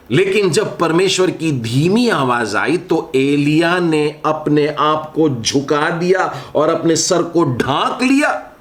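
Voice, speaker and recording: A man delivering a sermon at an unhurried, measured pace. His voice sits fairly high for a man, and he poses rhetorical questions to his listeners. He often lets phrases fall away into a hushed tone. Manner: slow, deliberate preaching with rhetorical questions. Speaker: preacher.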